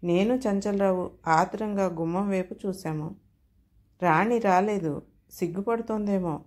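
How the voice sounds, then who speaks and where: A woman's voice: mid-range voice, unhurried, a little mellow. Woman telling a comic audio story.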